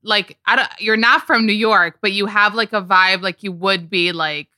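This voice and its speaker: A woman's voice: medium pitch, fairly even intonation, normal speed, sharp tone, no room sound. A woman hosting a podcast in casual gossip chat, talking loosely with lots of filler words. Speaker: podcast host.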